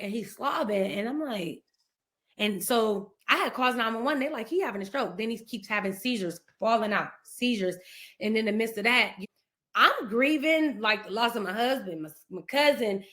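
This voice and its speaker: A middle-aged woman from Ohio, a podcast guest, telling an emotional personal story and acting out the quoted dialogue in lively voices. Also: a little high. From Ohio, USA. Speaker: podcast guest, speaker and author.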